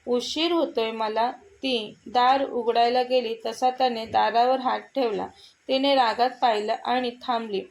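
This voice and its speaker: A woman telling a story in a slightly gravelly voice. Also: fairly high pitch, steady tone, normal speed, poor audio. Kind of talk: scripted narration.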